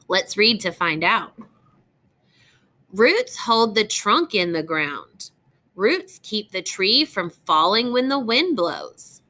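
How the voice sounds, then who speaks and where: A woman reads a picture book aloud the way a teacher would, phrasing things deliberately for young children and speaking directly to them. Her mid-range voice sounds bright and forceful.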